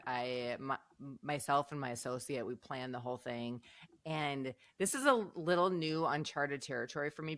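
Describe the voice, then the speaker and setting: A woman's voice: a bass voice, no room sound, studio quality. A middle-aged woman co-hosting a podcast, telling stories in casual chat and laughing often. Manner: animated storyteller, laughs often. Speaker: podcast co-host.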